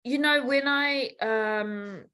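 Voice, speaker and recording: A woman's voice: on the high side, extremely slow. A woman in her sixties, a podcast guest, speaking frankly and emphatically in a candid conversational interview. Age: 60s. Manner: frank and emphatic, swinging between soft and animated.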